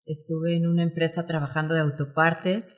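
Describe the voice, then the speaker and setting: A woman in her forties with a Mexican Spanish accent, a guest telling her story in an interview, animated and acting out quoted dialogue. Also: deep voice, brisk. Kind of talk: emotional personal storytelling interview.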